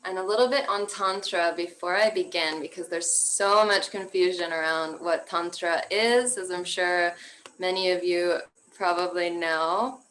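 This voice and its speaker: A young woman from Canada speaking at home, giving a gentle, flowing online workshop talk on tantra with soft laughs and fillers. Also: on the low side, steady tone, unhurried, poor audio.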